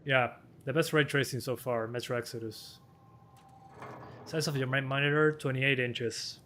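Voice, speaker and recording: A man in his twenties, slightly hoarse, casually answering viewer questions on a live stream as a hardware tester with quick chuckles. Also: medium pitch, steady tone, sharp tone, a little hiss or hum. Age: 20s.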